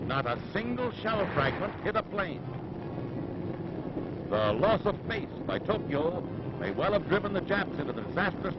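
A man declaims a 1940s newsreel in a lively, high-pitched announcer voice that rises and falls dramatically. The old film soundtrack sounds dull and lo-fi. A clear orchestral score runs under him. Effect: old newsreel soundtrack played on air. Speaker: newsreel narrator. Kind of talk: 1940s wartime newsreel narration.

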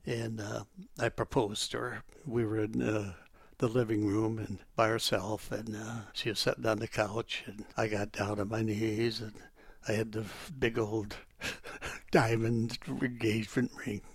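A man in his eighties or older, a military veteran reminiscing in an interview, speaking haltingly with repeated words and self-corrections. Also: on the low side, flat delivery, husky, no echo. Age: 80s or older. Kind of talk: reminiscing oral history interview.

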